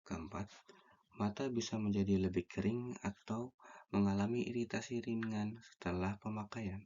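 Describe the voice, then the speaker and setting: A young man reads his class presentation aloud, stepping through each numbered point in a steady, even way. His voice sits very low and sounds mellow and soft-edged, and the recording is dull and lo-fi. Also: normal speed. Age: young adult. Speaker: student presenter.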